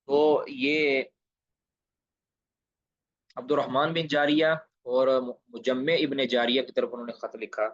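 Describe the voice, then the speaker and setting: A man's voice: medium pitch, little pitch movement, long pauses, a bit bright, no echo. Emphatic man lecturing over a dull online call. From Pakistan. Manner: emphatic, repeats key phrases while translating Arabic line by line. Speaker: Islamic studies lecturer. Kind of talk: online lecture explaining hadith in Urdu. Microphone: video call. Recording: dull lo-fi online class audio.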